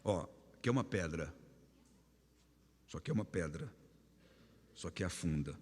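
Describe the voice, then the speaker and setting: A man preaching a lively youth sermon, telling stories with humor and bursting into shouts. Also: sits low, normal speed, breathy edge. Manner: animated, humorous storytelling, sudden shouts. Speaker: guest pastor. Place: church hall. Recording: echoey church hall.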